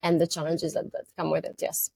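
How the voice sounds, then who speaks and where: A woman with a Romanian accent answers interview questions in a low voice with some gravel in it. She talks thoughtfully, often pausing on fillers and restarting her sentences. The sound is close and dry, with no room ring. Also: level tone, darkish tone, no echo. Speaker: guest, company co-founder. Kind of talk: conversational interview.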